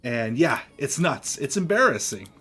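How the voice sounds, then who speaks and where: A man's voice: medium pitch, very animated, measured pace, a bit bright, husky, soft background music. A man doing casual live gameplay commentary, thinking aloud and chatting to viewers as a streamer. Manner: thinking aloud, often chuckling. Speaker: game streamer.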